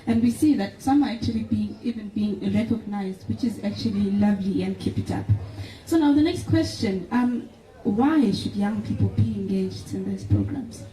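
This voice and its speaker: A woman moderating a panel discussion. She offers warm encouragement and uses fillers. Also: medium pitch, normal speed. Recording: echoey hall from far off.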